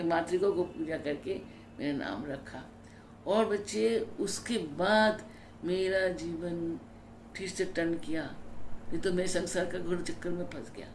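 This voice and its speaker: A woman spiritual teacher telling her own story in a devotional sermon, repeating key words slowly for emphasis. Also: lowish voice, vocal fry, darkish tone, reverberant, a little hiss or hum.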